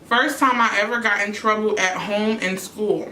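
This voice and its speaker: A young adult YouTuber from New York chats casually on her mukbang show, answering questions between bites. Her medium-pitched voice is bright and forceful with fairly even intonation at a moderate pace, recorded from a distance in an echoey room with a little hiss or hum.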